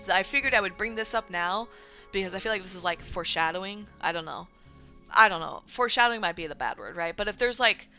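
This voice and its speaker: Bright-voiced, chatty woman streamer. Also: fairly low pitch. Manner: chatty, filler-heavy, keeps asking "right?". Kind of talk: casual livestream commentary.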